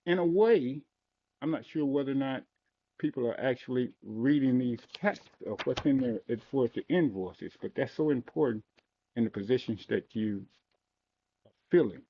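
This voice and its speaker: A man's voice: medium pitch, expressive, moderate pace, slight background noise. A man from Mississippi, speaking earnestly and insistently during public comment, heard on a courtroom-style meeting recording. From Mississippi, USA. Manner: earnest and insistent, pressing his points. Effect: lo-fi public meeting hall recording, like a courtroom tape. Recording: dull lo-fi meeting room recording.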